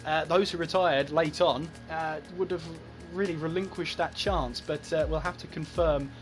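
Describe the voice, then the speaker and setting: A man's voice: fairly high pitch, fairly even intonation, moderate pace, over music. A man hosting esports race commentary, talking in a chatty, breathless way with frequent fillers. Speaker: lead commentator and host.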